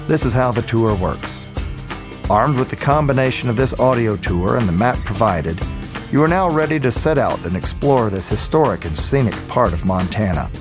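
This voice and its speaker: A man narrating a scripted audio tour in the smooth, measured, clearly articulated manner of a museum guide. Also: medium pitch. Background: background music.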